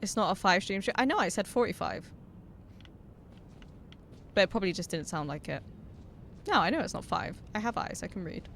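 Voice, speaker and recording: A woman's voice: medium pitch, animated, brisk, long pauses, a bit bright, slight background noise. A young woman streaming a game, chatting casually with viewers, laughing often, swearing and reading out their messages. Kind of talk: casual live-stream chat while gaming.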